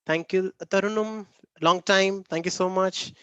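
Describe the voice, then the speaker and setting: High-pitched Tamil-accented man hosting a webinar. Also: fairly even intonation, unhurried, bright, forceful tone, smooth, no echo, muffled recording. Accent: Tamil Indian English. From Namakkal, Tamil Nadu, India. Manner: chatty, repetitive thanks. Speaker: workshop trainer and host. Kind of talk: informal online webinar sign-off, thanking participants by name. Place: online video meeting.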